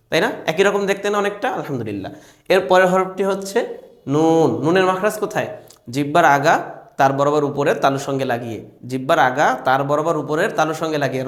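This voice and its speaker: Echoey male Quran teacher drilling letters. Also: a little high. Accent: Bangladeshi Bengali. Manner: drills letters by repeating them and quizzing viewers. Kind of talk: Quran recitation lesson.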